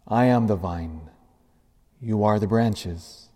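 A priest reading the gospel and preaching earnestly in a cathedral echo, building emphasis through lists. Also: male voice, lowish voice, takes it slowly, dark tone. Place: large church. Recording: long reverb of a large church.

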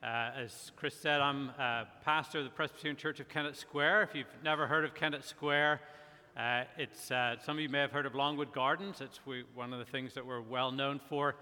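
Bright-voiced middle-aged man preaching in a hall. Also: medium pitch, fairly even intonation. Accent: faint Northern Irish. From Northern Ireland. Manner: measured, with frequent "uh" fillers. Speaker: guest pastor. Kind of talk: sermon. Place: church sanctuary. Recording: long church reverb.

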